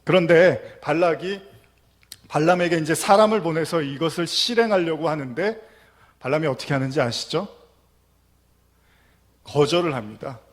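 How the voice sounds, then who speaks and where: A man's voice: a little high, animated, normal speed, pauses often. A man preaching a sermon as pastor, retelling a scripture story and reading passages aloud. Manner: storytelling, reads scripture aloud and acts out quotes.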